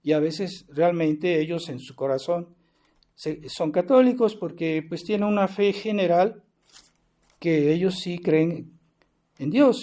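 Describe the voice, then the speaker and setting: A priest from Mexico gives an earnest, insistent sermon in a slightly high, mellow voice, frequently restarting and asking a rhetorical "¿verdad?".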